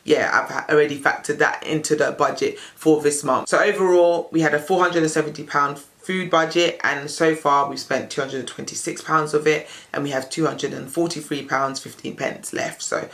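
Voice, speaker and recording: A British woman who makes personal finance videos walks through her budget to camera in a casual, chatty, upbeat way, rambling and linking thoughts with "so." Her low-pitched voice is husky and still recovering from being lost, a bit bright, fairly even in intonation, and moves at a moderate pace with hardly any pauses.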